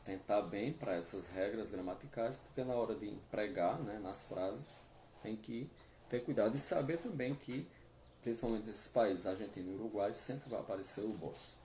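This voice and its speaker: A Brazilian man with a Pernambuco accent teaches a live class, slowly drilling word forms one at a time. His voice is low and mellow. The recording sounds echoey, with a faint hum in the background. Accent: Brazilian Portuguese, Pernambuco. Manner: slow, repeats each form with "tá?". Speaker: Spanish teacher.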